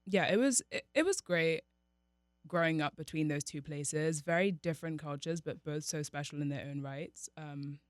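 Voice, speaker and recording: A young woman from Nigeria, chatting as a podcast guest in a relaxed way with lots of fillers. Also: sits low, normal speed, dry recording, studio quality. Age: young adult. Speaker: podcast guest, college athlete. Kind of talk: casual interview chat.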